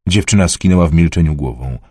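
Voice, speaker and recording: A man narrating an audiobook in a measured, expressive reading. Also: deep voice, husky, dry recording.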